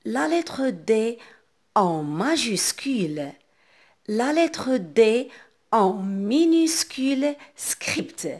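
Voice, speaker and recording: Slow, deliberate woman teaching reading. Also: fairly high pitch, sing-song, a little mellow. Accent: North African French. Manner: slow, carefully enunciated, repeating words for children. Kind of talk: early reading lesson.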